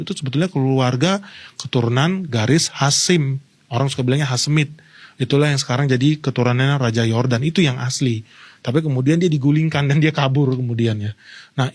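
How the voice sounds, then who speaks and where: A man talks through political history in a relaxed, conversational way, as if explaining to friends. His voice sits at a middle pitch. The recording is dry, with no room sound. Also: dry recording. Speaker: political commentator. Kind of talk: casual commentary.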